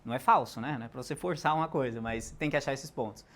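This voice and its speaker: A man giving a live sales lecture, animated, shifting loudness and pace for emphasis and throwing questions at the audience. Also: medium pitch, racing. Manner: talks directly to the audience with questions.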